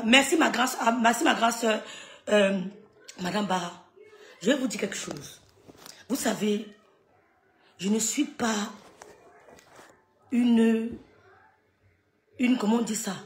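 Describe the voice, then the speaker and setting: A woman's voice: on the high side, roomy sound. Emphatic scolding woman streamer. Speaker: social media live host. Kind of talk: heated live-stream rant.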